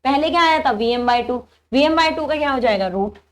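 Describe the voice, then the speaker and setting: Young female lecturer, high-pitched, patient step-by-step explainer who poses and answers her own questions. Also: animated, brisk. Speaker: teacher. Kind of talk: engineering lecture.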